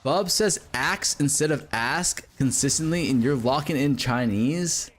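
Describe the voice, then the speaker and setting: A man's voice: mid-range voice, unhurried. A man streaming a game live, chatting casually, cursing and joking while he reads out chat messages.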